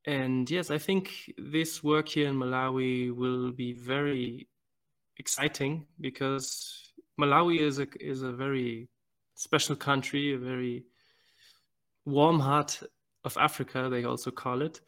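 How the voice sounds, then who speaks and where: A man raised in Germany, introducing himself as a podcast co-host in a measured, plain way. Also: medium pitch, fairly even intonation, a bit bright. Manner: measured, plain, slightly hesitant.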